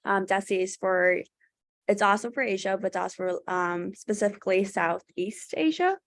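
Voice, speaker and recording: A young woman from Thailand speaks as a student panelist on a webinar over a video call. Her medium-pitched voice moves at a normal pace, and she talks earnestly with many fillers and restarts.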